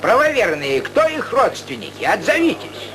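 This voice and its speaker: A man's voice: sits high, sing-song, moderate pace, bright, forceful tone, full character voice. An actor playing a pompous village holy man who declaims solemnly in a theatrical comedy film. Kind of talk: theatrical comic film acting.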